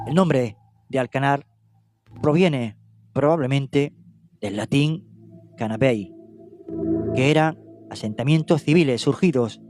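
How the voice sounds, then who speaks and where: A man's voice: medium pitch, a little mellow. A man narrating a true-crime case in documentary style, reading steadily with small hesitations and self-corrections. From Spain, not Catalonia. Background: music.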